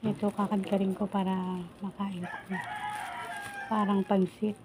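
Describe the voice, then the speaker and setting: A woman's voice: medium pitch, level tone, measured pace. A Filipino woman with the speech of someone missing upper front teeth, chatting casually to viewers in a food vlog. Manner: informal, chatty, talking to viewers while preparing and eating food. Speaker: vlogger. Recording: noisy home recording with roosters crowing. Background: background noise, chickens and roosters.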